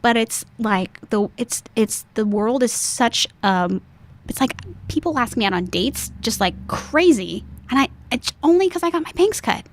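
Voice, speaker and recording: A woman guest on a podcast, chatting casually and telling stories in an animated way, often restarting her sentences. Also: fairly high pitch, normal speed. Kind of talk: casual chat.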